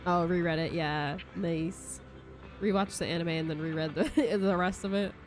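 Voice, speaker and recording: A woman's voice: lowish voice, steady tone, normal speed, soft background music. A young woman, chatting casually and giggling with viewers on a live stream.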